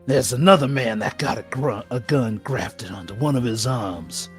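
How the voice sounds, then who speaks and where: A man's voice: medium pitch, moderate pace, soft background music, lightly acted. A man voicing a burdened, hot-tempered fighter from a fantasy game, reading dialogue in an emphatic, colloquial way. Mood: brooding. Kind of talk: amateur read-aloud of game dialogue.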